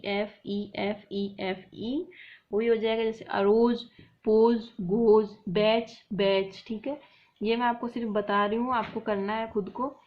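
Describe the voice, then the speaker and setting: A woman's voice: on the high side, dull audio, a little hiss or hum. Woman teacher stressing rhyme words. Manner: drills words with stretched, emphatic calls; scolding students for not replying. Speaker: English literature teacher. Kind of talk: online class lecture.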